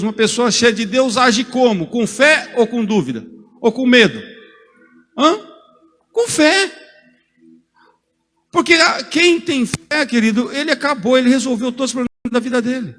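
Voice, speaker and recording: A man preaching a sermon as a pastor, lively and joking, calling on people in the congregation by name. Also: high-pitched, in a large hall.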